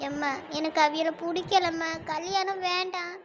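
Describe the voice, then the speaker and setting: A woman's voice: very high voice, steady tone, moderate pace, a little hiss or hum. Woman voicing a pleading, whiny young daughter. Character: tearful young village daughter refusing marriage. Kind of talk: cartoon dub acting.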